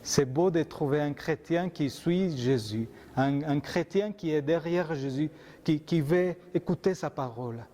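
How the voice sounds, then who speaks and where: Slow Colombian-accented priest, echoing. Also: male voice, on the high side, mellow. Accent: Colombian Spanish. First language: Spanish. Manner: slow, earnest, with restarts and repeated words. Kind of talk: Sunday gospel homily.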